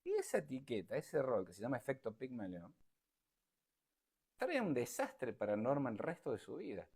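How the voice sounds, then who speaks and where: A man's voice: medium pitch, huge pitch swings, moderate pace, a little mellow, breathy edge. A man giving an informal lecture to an online audience over a video call, talking in a repetitive, emphatic, conversational way. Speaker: speaker giving a talk.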